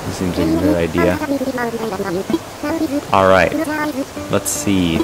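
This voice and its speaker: A man giving casual game commentary, rambling and filling pauses with "um" while he talks to his viewers. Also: low-pitched, level tone. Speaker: gameplay vlogger. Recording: loud game music behind.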